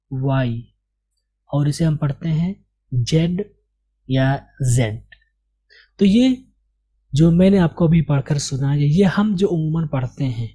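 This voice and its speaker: Slow, mellow male teacher drilling letters. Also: on the high side. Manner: slow, drills each letter and repeats it with questions; Urdu-flavoured Hindi speech. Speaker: English teacher. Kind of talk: spoken English lesson.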